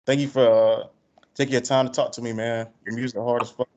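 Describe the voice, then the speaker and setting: A man's voice: medium pitch, flat delivery, a little fast, a little mellow, slight background noise. A man with a country Georgia Southern accent, interviewing casually in heavy slang. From Georgia, United States. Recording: dull, lo-fi call audio.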